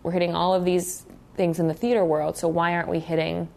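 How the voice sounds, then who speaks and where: A woman's voice: fairly low pitch, little pitch movement, fairly quick, gravelly, darkish tone. A young woman hosting a casual podcast interview, chatty and full of "like" fillers. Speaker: podcast host.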